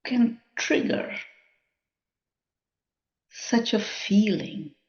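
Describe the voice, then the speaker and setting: Her slightly high voice is mellow and relaxed as she guides a spiritual meditation without hurry. Short phrases are separated by long pauses in a contemplative delivery, captured on a recording that sounds somewhat dull and lo-fi.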